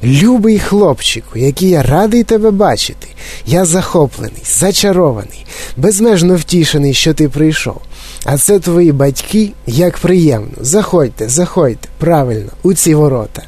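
A man reading an audiobook plays an eccentric chocolate-factory owner with a voice lifted well above his own, high and clear like a flute. The figure gushes and bubbles over with excitement, warm and mellow in tone. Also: moderate pace. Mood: gushing, excited. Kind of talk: audiobook character voice.

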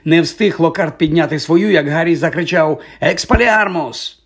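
Husky man narrating a storybook calmly. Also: fairly high pitch, moderate pace. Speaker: audiobook narrator. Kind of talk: scripted narration.

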